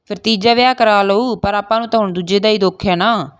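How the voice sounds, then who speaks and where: A woman's voice: medium pitch, a little fast, smooth, voice pushed up, natural voice. A woman reading as an earnest young son. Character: young village man, earnest dutiful son.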